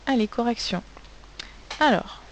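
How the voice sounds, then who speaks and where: A woman's voice: on the high side, measured pace, a little hiss or hum, poor audio. A woman teaching a recorded phonics lesson to young pupils, spelling out sounds letter by letter. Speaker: primary school teacher.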